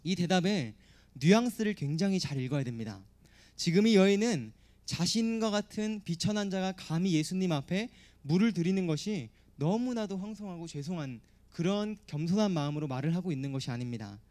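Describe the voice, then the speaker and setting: A man delivering a sermon to a youth gathering, his fairly high voice rising and falling a great deal. His tone is mellow and soft-edged. He makes his points through everyday stories and rhetorical questions. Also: lively intonation, fairly quick. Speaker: youth preacher.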